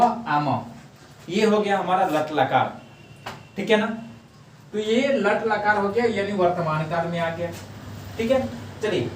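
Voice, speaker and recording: A man's voice: high-pitched, a little hiss or hum. A man teaching a grammar lesson who drills the class, repeating terms and asking then answering his own questions. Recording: echoey room, mic at a distance.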